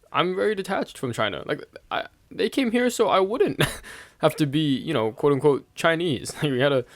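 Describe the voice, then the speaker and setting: With a mid-range voice and no room sound at all, a young man from the US shares opinions as a vlogger, his monologue casual and rambling as he thinks out loud and keeps chuckling mid-sentence.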